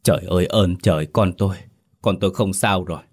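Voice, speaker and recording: A man's voice: deep voice, a little fast, a little mellow. A man voicing a frantic weeping mother who speaks in a trembling, choked way. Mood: relieved sobbing.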